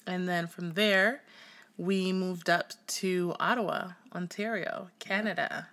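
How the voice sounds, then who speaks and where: A woman's voice: on the low side, steady tone, slow, a bit bright. A woman from Tanzania co-hosting a podcast with her husband, chatting playfully and echoing his words. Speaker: podcast co-host. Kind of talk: casual chat.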